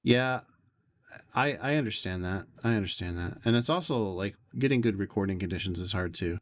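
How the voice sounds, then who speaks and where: Expressive and fairly quick, a man's voice in the upper bass to lower tenor range fills a casual game stream from his bedroom. He rambles to chat in long, winding asides through a desk USB condenser microphone with noise suppression.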